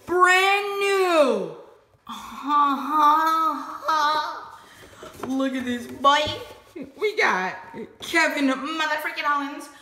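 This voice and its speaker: Woman, unboxing commentary, excitable, squealing, high bright voice, echoey room. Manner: excitable, bursts into yelling and squeals. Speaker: toy collector vlogger. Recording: roomy echo, faint background noise.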